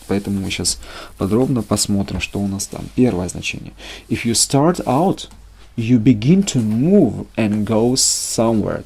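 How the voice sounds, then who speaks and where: A man's voice: on the low side, vocal fry, dark tone. A man teaching a language lesson, reading example sentences and then translating them. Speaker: English teacher.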